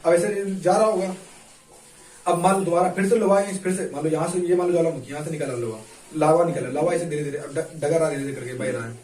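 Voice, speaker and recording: Talking fast in a fairly high, darkish voice, a man runs a casual map lesson built on repeated questions he answers himself. The audio is faintly noisy, with a distant mic in an echoey room.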